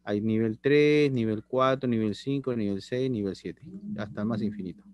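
Using a laptop webcam in a small indoor room, a middle-aged man delivers an online chemistry lecture over a video call. He checks in with students and repeats phrases in a lowish, slightly mellow voice at a normal speed.

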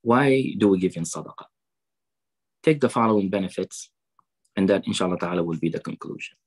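A man giving a fundraising sermon over a video call. He quotes Arabic sayings, then translates and explains them slowly. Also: deep voice, expressive, slightly rough, rough recording. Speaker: preacher at a fundraiser.

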